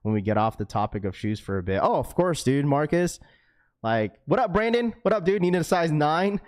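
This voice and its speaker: A slightly high, somewhat mellow male voice with big pitch swings speaks at a moderate pace, recorded cleanly in a studio with no room sound. The easygoing host, a Washington state father of a school-age girl aged young adult to middle-aged, reads his livestream chat and chats casually, saying "bro", "dude" and "like" a lot.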